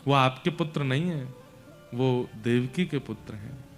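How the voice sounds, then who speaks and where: A man doing a grave, hushed old messenger. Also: measured pace, soft background music. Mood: sorrowful confession. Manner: low, hushed and reluctant, confessing a hard truth. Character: grave elderly male royal messenger, hesitant.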